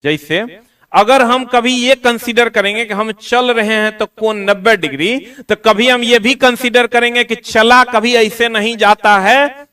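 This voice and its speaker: A man's voice: extremely high pitch, a little slow, bright, forceful tone, clean tone. A man teaching an exam-coaching class in a classroom, teasing and scolding his students in slangy talk. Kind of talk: classroom lecture. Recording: voice from a distance.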